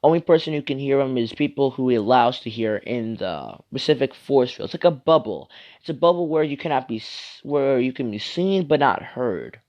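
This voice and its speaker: A man's voice: mid-range voice, lively intonation, moderate pace. A man reading an improvised fan story aloud, rambling with many asides and fillers. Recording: muffled lo-fi recording.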